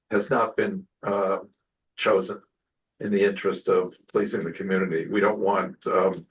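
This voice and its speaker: A man answering questions at a community board meeting, halting with many fillers and restarts. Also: low voice, distant mic, a little hiss or hum, rough recording. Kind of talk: public meeting testimony.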